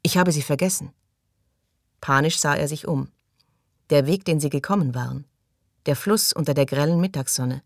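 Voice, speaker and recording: A woman narrating an audiobook in an even, measured way. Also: deep voice, no echo, clean studio sound. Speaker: audiobook reader. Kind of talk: scripted narration.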